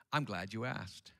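A man's voice: on the low side, vocal fry, pushed and bright. A man preaching a sermon as pastor, emphatic and repetitive, calling on the congregation to respond, in a church sanctuary.

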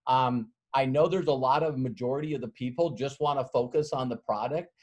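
A man's voice: medium pitch, a little fast, a little mellow, dull audio. Man telling a rambling sales story. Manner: rambling storyteller, chuckles often, many fillers. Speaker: workshop guest speaker. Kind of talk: motivational sales workshop talk.

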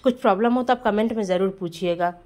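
A woman's voice: mid-range voice, fast, a little mellow. A woman home baker giving a casual voice-over tutorial on cake decorating, chatty and friendly, often calling her viewers friends.

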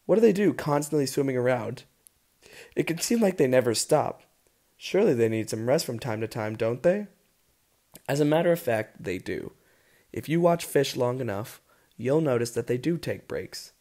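A man's voice: mid-range voice, warm tone. A man giving scripted documentary narration for kids, friendly and asking the listener questions.

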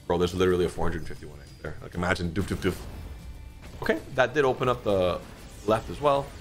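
Low-voiced man in his thirties, casual slot-streamer commentary, swears often, sudden excited upward jumps, faint music underneath. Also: fast talker. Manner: excitable, swears a lot, frequent pitch jumps. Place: dim home streaming room, indoors.

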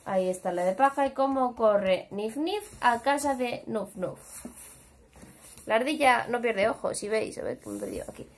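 A Spanish woman from Spain telling a children's fairy tale in a bright, high voice that swings widely in pitch. She talks chattily and directly to the little listeners. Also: moderate pace. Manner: animated, chatty, addresses the kids. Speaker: children's storyteller. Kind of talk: storytelling for young children.

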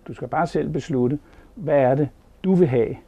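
Older man with a dark gravelly voice. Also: fairly high pitch. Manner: plain-spoken, opinionated. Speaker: caravan reviewer. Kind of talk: casual product review. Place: inside a caravan. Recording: slightly dull recording.

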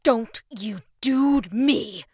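A woman voicing a furious mother who shouts and sneezes her words out in a storybook reading. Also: sits high, sing-song, normal speed, pitched above the performer's own voice. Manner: yelling, sneezing between words.

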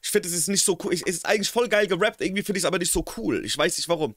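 A man's voice: sits high, racing, fairly bright tone, no echo. A man hosting a rap reaction video, talking casually and slangily, quoting lines back half-rapped.

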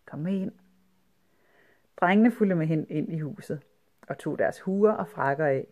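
Storybook narrator, calm, even, mid-pitched. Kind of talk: storybook reading aloud.

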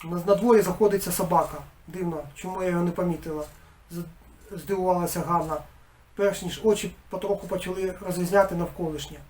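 A man, the author, reading aloud from his own novel with expressive delivery, hushing for eerie passages. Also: high-pitched, fast.

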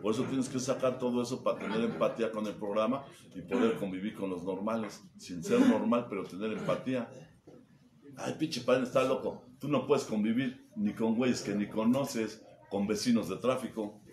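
A man's voice: on the low side, normal speed, darkish tone. A man with a Mexico City accent, a group sponsor giving a crude, mocking, joking testimony and acting out the voices he quotes. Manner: foul-mouthed, mocking, acts out quoted voices. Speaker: sponsor speaking at a recovery group meeting. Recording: echoey room with background noise.

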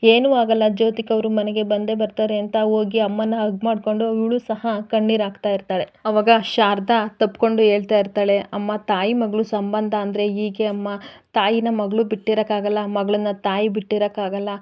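A woman recapping a TV serial episode, retelling the story in steady storytelling and quoting the characters' lines. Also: medium pitch, moderate pace. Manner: steady storytelling with quoted dialogue.

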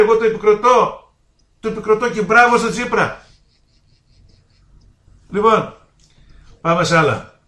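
A man hosting a daily political commentary show, talking straight to viewers in a folksy, indignant way that climbs toward shouting. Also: fairly high pitch, reverberant. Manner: indignant, rising to near-shouting at points; folksy, addresses viewers directly.

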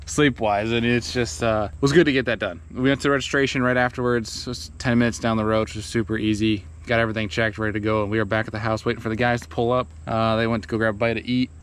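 A young man talks casually into a camera he holds at arm's length, out on a lawn. He rambles in a relaxed way, with fillers and small laughs, and a faint background hiss sits under his voice. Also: lowish voice. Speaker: kayak fishing vlogger. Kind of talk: casual vlog talk to camera. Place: outdoors on a lawn by a truck. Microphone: action camera held at arm's length.

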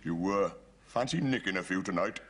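An actor playing a scheming Welsh army sergeant major in a TV sitcom, who chuckles and calls the men lovely boys. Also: male voice, low voice, normal speed, fairly bright tone, a little hiss or hum. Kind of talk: 1970s TV sitcom acting.

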